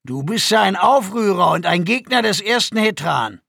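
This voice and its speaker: Guy playing a big mean alien guard, loud and sneering, husky gravelly voice. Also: on the high side, normal speed, no room sound, studio quality. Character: brutish, mocking huge male alien guard.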